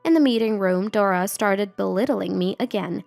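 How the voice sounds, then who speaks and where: Woman narrator for a first-person story; steady, measured read over soft music. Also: medium pitch, gravelly.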